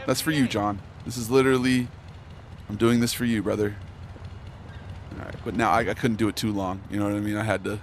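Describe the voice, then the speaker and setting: A man's voice: fairly low pitch, fairly even intonation, a little fast, long pauses. A man chatting casually and laid-back while live-streaming a game. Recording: game and car noise underneath.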